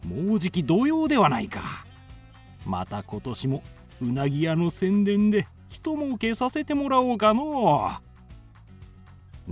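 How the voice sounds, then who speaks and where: A man's voice: high-pitched, full character voice. A man voicing an eccentric old male inventor who mutters and chuckles to himself in old-fashioned speech.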